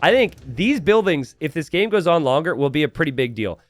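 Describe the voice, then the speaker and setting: Animated, high-pitched man commentating a game. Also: brisk, no echo. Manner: animated, bursts into excited repeated exclamations; casual, joking. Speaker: esports commentator. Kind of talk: live game commentary to a stream chat. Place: indoors at a computer.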